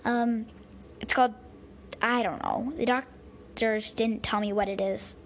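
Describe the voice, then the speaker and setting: A young girl voicing a kind, grieving grandfather who speaks haltingly with many pauses and fillers, in a home-made story. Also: high-pitched, steady tone, creaky, fairly bright tone, slight background noise, heavily acted. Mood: sad. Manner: hesitant, halting speech with fillers. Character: kind grieving grandfather, gentle and soft-spoken.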